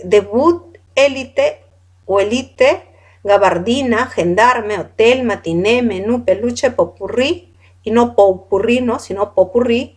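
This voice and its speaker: Slow-paced woman teaching a class. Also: mid-range voice. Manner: lists words one by one, corrects pronunciation; asks students questions. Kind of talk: classroom lecture.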